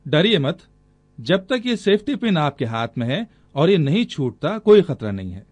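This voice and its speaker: A man's voice: fairly high pitch, very animated, normal speed, a little mellow, no room sound. A man dubbing a young soldier who explains weapons drill step by step. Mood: instructive. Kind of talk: film dub.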